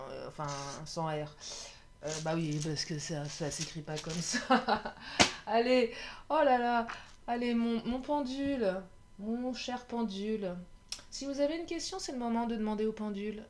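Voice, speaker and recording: A woman's voice: mid-range voice, unhurried, slight background noise. A woman giving a casual tarot reading, chatty, laughing often and joking about herself. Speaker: tarot card reader.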